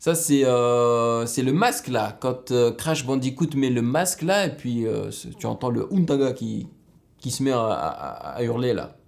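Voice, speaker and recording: A man giving casual, excitable reaction commentary on a music video, explaining the production as he goes. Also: medium pitch, measured pace, gravelly. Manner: excitable, bursts into exclamations.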